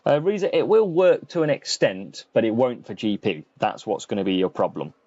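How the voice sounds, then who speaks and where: Chatting with his audience and calling out viewers by name, this gaming-channel host commentates casually on a live stream. His medium-pitched voice is mellow and husky, sing-song, at a normal speed, with no echo. Faint background music sits under the muffled, lo-fi sound.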